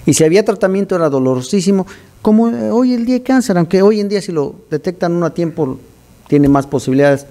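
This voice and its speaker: Pastor preaching, kinda high voice but warm, gets really animated. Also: male voice, quick pace. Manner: animated, teaching, scolds listeners for distracting him. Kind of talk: sermon.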